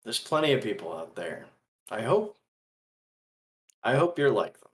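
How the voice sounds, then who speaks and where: Low-voiced, earnest gunslinger played by a man. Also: big pitch swings. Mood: earnest, resolute. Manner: earnest, deliberate, halting phrases. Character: principled, earnest gunslinger man, stubbornly righteous. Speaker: tabletop role-play player. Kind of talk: in-character tabletop role-play.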